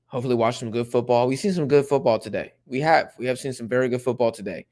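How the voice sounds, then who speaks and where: A young man hosting a live football watch-along, chatting casually with viewers and getting excited at big plays. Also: mid-range voice, fast talker. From Mexico-supporting fan. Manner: laid-back, chatty, bursts of excitement at plays. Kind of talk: casual live commentary and chat reading.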